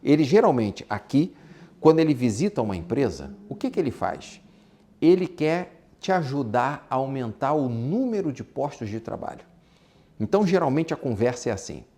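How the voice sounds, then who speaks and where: In a mellow, medium-pitched voice with a sing-song lilt, a business instructor with a Brazilian accent gives a casual lecture on exporting and business at a moderate pace. He is emphatic, restates his points, and poses rhetorical questions.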